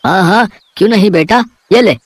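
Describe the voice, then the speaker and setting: A kindly middle-aged street jalebi seller from a children's cartoon, voiced by a woman. He talks gently and fatherly, soothing rather than scolding. The voice sits at a middle pitch and sounds close and dry. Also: a little fast, dry recording, natural voice. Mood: affectionate. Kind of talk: cartoon voice acting.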